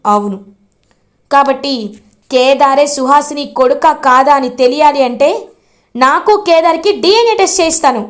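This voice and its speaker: A woman's voice: sits high, normal speed, long pauses, close to an everyday voice. A woman voicing a stern, angry middle-aged father who scolds in a raised voice.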